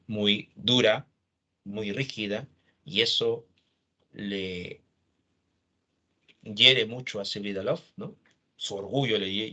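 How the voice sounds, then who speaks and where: Bright-voiced man retelling a novel. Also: lowish voice. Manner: frequent tag questions, quotes the characters' lines plainly. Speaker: literature teacher. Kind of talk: retelling a novel's plot in a lesson.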